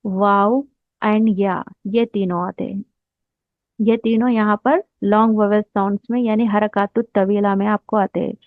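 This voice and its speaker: A woman teaching a slow explanatory language lesson, patiently repeating each term while she writes it out. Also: medium pitch, dry recording. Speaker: Arabic teacher. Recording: dry, tinny phone-like sound.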